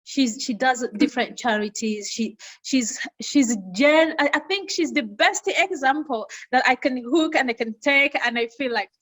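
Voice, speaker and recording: Host: young woman, bright higher voice, effusive and admiring. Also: normal speed, hardly any pauses. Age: young adult. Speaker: talk show host. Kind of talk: casual chat.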